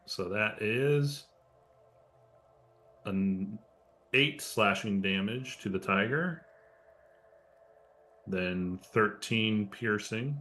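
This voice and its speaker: A man's voice: lowish voice, extremely slow, pauses often, pushed and bright, faint music behind. A man running a tabletop game as game master, explaining rules and narrating plainly.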